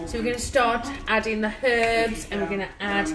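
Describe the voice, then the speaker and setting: A woman's voice: on the high side, little pitch movement, moderate pace, crowd noise. An English woman chatting casually and cheekily to live viewers as a home cooking show host. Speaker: home cook hosting a live cooking stream. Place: indoors in a home kitchen. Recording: noisy home recording with background ambience.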